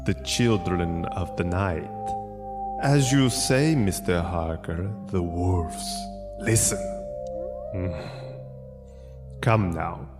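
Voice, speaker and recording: A low-pitched old vampire count, speaking in a long cavernous reverb. He is courteous but cruel, drawing out each phrase with theatrical menace in a gothic audio drama. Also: music in the background. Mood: sinister amusement. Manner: slow, deliberate, theatrical delivery.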